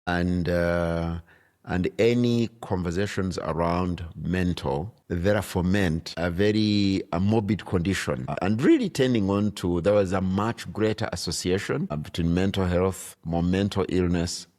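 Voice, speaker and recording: A man from Uganda, a bishop speaking as a podcast guest in a reflective, deliberate way, often pausing to search for words. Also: low-pitched, darkish tone. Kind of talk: reflective conversation.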